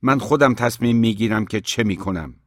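A hot-headed younger brother in an audiobook, quick to quarrel and blunt in his demands, as a male reader voices him. The voice is low and dry, with combative force behind it. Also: dry recording, lightly acted. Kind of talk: audiobook reading.

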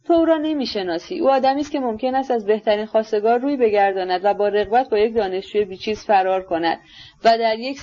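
A woman's voice: a little high, a little mellow, lightly acted. A woman reading the part of a proud, fiery young woman in an audiobook, indignant and scornful. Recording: dull lo-fi recording.

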